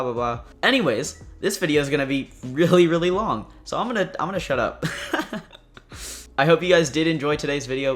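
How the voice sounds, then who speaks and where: A man's voice: medium pitch, fairly bright tone. Rambling upbeat young man. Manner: rambling, self-deprecating, upbeat, lots of fillers. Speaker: channel host. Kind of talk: casual video commentary.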